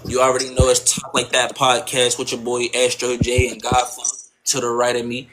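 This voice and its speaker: Male podcast co-host, relaxed slangy talker who stretches his words. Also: mid-range voice, soft background music, low-quality recording. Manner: laid-back slangy banter, drawn-out words. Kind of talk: casual podcast chat.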